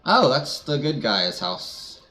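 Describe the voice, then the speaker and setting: A man's voice: medium pitch, sing-song, takes it slowly, sharp tone, soft background music. Guy streaming a game, casual sarcastic joking commentary. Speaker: streamer playing a video game.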